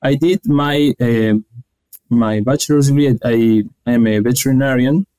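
Earnest man, mellow voice. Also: medium pitch, steady tone, smooth, rough recording. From Argentina. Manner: earnest, halting, restarts phrases. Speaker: guest researcher. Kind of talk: explanatory interview answers.

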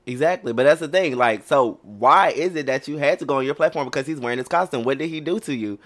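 A man's voice: mid-range voice, fast, fairly bright tone. A young man co-hosting a casual podcast, talking bluntly and passionately with plenty of swearing. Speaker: podcast co-host.

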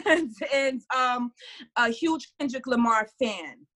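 A woman in her late twenties with a New York accent, a guest chatting in an interview who laughs often and talks in animated, trailing bursts. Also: sits high, takes it slowly. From Harlem, New York. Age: late 20s. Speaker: guest, artist. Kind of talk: casual interview chat.

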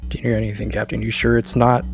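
Brief: a man as a blunt, wary crewman, low and rough. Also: level tone, fast, faint music behind.

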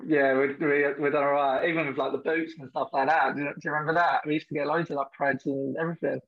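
Fast-talking Essex man, matey and casual. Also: on the high side, flat delivery, a bit bright, dull audio. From Essex, England. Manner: matey, colloquial. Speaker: podcast guest, former academy footballer. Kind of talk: casual interview chat.

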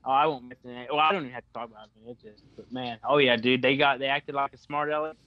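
A man co-hosting a casual podcast, an animated storyteller who keeps saying "dude". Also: medium pitch, fast talker, no echo. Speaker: podcast co-host. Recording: dull, dry lo-fi mic.

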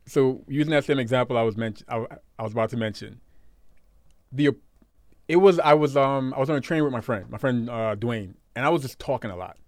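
A man's voice: medium pitch, brisk, dry recording, clean studio sound. A man co-hosting a podcast, rambling in casual chat and teasing his co-host. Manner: rambling, teasing, laughs often.

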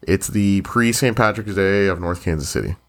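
A man's voice: deep voice, normal speed. A young man co-hosting a podcast, chatting casually and joking, with lots of fillers. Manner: joking, filler-heavy, lively. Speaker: podcast co-host. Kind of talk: casual chat.

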